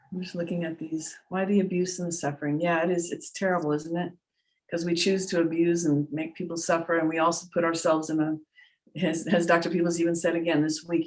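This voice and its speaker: A middle-aged trance medium with a lowish voice answers questions in an unscripted spiritual Q&A, earnest and reflective, repeating words for emphasis. The recording is rough.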